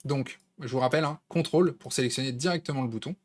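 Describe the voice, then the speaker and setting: A man's voice: mid-range voice, fast talker. A man with a French accent walking viewers through a design tool in a casual, conversational screen-recorded tutorial, with plenty of fillers. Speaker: tutorial host.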